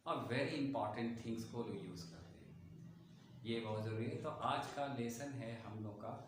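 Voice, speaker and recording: A man's voice: mid-range voice, very echoey, slight background noise. A man teaching a spoken English lesson in Hindi, explaining step by step as he writes on a board and speaks straight to his learners.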